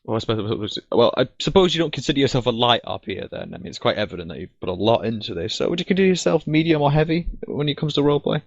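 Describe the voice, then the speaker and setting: A man's voice: mid-range voice, sing-song, fast, vocal fry, hardly any pauses, no echo. A man in his twenties hosting a podcast, asking questions hesitantly, restarting and laughing easily. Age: 20s. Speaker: host. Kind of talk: casual podcast interview. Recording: dry, dull lo-fi voice chat audio.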